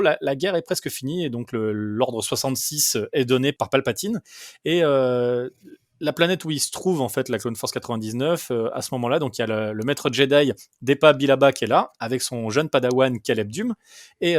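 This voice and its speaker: A man's voice: mid-range voice, dry recording, studio quality. A man hosting a casual podcast, talking with many hesitant fillers as he eagerly explains. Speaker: podcast host.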